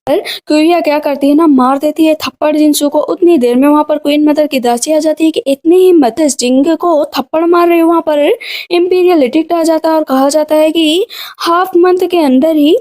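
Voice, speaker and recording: A woman's voice: high voice, a little fast, darkish tone. A woman recapping a drama's plot in a storytelling voice, speaking every character's lines herself in much the same voice.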